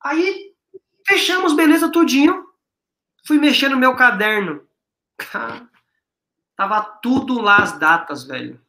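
A man, a business owner talking as a guest in a casual chat, telling stories in a slangy, excitable way and acting out the dialogue. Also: very high-pitched, unhurried, creaky, long pauses, roomy sound. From Brazil, São Paulo. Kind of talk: animated storytelling in casual chat.

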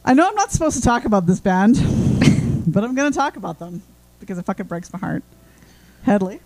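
A woman's voice: medium pitch, sing-song, fairly quick, darkish tone, poor audio. A young woman, co-hosting a casual podcast and gushing about bands, swearing and singing along to lyrics. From Canada. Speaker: podcast co-host.

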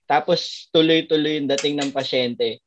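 A man's voice: fairly high pitch, normal speed, slight background noise, rough recording. A man who works as a doctor, telling funny hospital stories in a casual chat and acting out the voices of the people in them. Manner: animated, laughs a lot, acts out voices in anecdotes. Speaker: doctor and podcast host.

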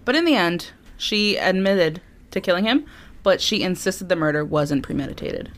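Low-voiced woman podcast co-host. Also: expressive, moderate pace. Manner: storytelling, laughs often, acts out quotes. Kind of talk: casual chat.

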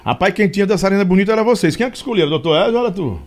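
Um homem apresentador de podcast, conversando à vontade com o convidado e mandando abraços aos ouvintes. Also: male voice, sits high, rapid-fire. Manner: lively, banters and reads listener messages. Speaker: podcast host. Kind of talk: casual interview chat.

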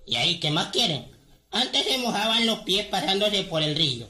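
Comic village mayor, folksy and soothing, high sharp voice, roomy sound. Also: male voice, very animated, moderate pace, exaggerated voice. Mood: boastful. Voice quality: high, bright voice with rustic slang. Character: folksy male village mayor, jovial and placating. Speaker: small-town mayor. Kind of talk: radio comedy sketch acting.

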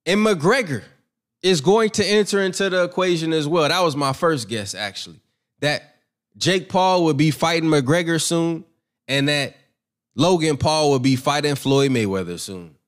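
Brash, profane man with a higher voice. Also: expressive, normal speed. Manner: brash, profane, rambling, self-assured. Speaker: boxing commentary channel host. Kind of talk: casual opinion monologue.

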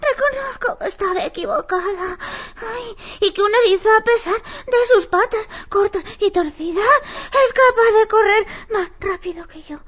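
A woman's voice: extremely high pitch, lively intonation, slow pace, few pauses, a bit bright, heavily acted. A woman playing a proud female hare in an old radio drama, exclaiming theatrically. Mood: exhausted. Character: boastful female hare, proud then worn out. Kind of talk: 1970s radio drama acting.

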